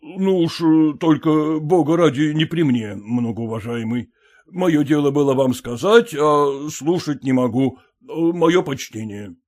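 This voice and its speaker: A man voicing a polite visiting gentleman who speaks with formal, apologetic courtesy. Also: a little high, animated, a little slow.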